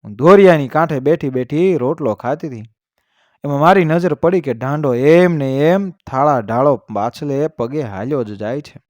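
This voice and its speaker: A man's voice: mid-range voice, normal speed, darkish tone, no room sound, clean studio sound, close to an everyday voice. A man reading the part of a weary middle-aged village woman who recounts a farm accident in plain rural speech, rising on urgent words. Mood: urgent retelling. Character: worn-out middle-aged village woman telling her misfortune.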